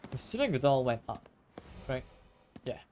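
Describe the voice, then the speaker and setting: A man giving casual, unhurried video game commentary, often muttering questions to himself as he plays. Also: mid-range voice, very animated, a little mellow, soft background music. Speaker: video game streamer narrating own play.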